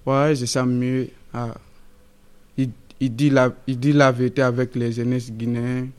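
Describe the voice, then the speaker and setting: A sixteen-year-old young man from Guinea whose first language is Fula, answering radio interview questions in a halting way, searching for words and repeating himself. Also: mid-range voice, little pitch movement, a little mellow, clean tone. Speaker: student guest.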